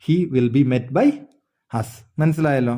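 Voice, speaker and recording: A man's voice: medium pitch, slow, mellow. A man teaching an English grammar lesson, explaining step by step, repeating words and often checking whether the listeners understood.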